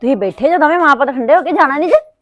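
An actress playing a worried, argumentative middle-aged village aunt with a Punjabi accent. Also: female voice, high-pitched, expressive, a bit bright. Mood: insistent. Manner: quick, arguing, worried. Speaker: aunt of the son.

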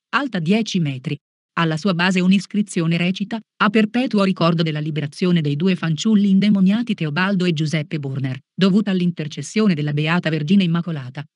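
A catechist reading a religious lesson aloud in a slow, measured, solemn way. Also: mid-range voice, darkish tone, no echo.

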